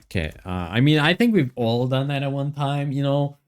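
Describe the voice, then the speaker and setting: A chatty man streaming from home, talking straight into a livestream headset mic. His voice sits at a medium pitch and comes through smooth and clean. He rambles cheerfully between viewer shout-outs. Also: brisk. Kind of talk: casual stream chat thanking viewers.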